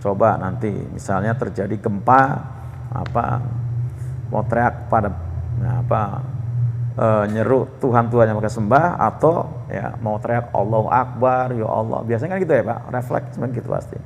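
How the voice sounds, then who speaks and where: A middle-aged man with a rough, gravelly voice teaches a Quran commentary class in a mosque. He explains the Arabic phrase by phrase and keeps turning to his listeners as "Pak". His voice carries a long reverb with faint ambient noise behind it. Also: fairly low pitch, moderate pace, pauses often.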